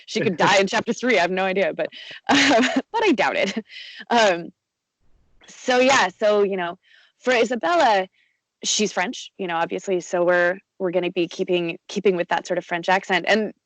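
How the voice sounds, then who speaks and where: Woman, audiobook narrator, interview chat, frequent fillers and restarts, mid pitch, dry close recording. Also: moderate pace, no echo, low-quality recording. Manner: chatty, lots of fillers and restarts, laughs easily. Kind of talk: conversational interview.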